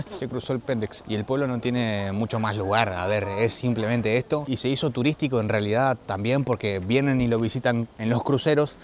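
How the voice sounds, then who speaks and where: A man's voice: medium pitch, moderate pace, few pauses, a little hiss or hum. A man with a Rioplatense Spanish accent, chatting casually as a travel vlogger while walking outdoors through a small village and talking straight to his viewers. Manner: chatty, addresses viewers directly, laughs easily.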